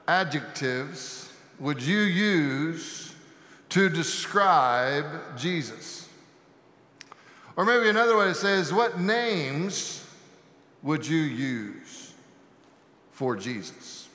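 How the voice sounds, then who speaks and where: A man preaching a sermon as pastor, telling a joke story at a slow, deliberate pace. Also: fairly high pitch, very animated, pushed and bright. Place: church sanctuary. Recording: echoey sanctuary with long reverb.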